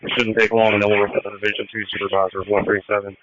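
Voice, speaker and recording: A man's voice: fairly low pitch, little pitch movement, racing, a bit bright. A man giving firefighter radio reports to command from the fireground over a two-way radio. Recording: noisy, muffled firefighter radio transmission.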